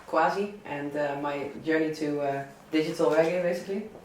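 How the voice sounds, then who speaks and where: Chatting in a relaxed way about records he likes, a DJ from southern Brabant, speaking with that Dutch accent, stalls frequently with fillers and restarts. His pitch is slightly high and his speed normal. The indoor listening session was recorded at a distance in a reverberant room with faint noise.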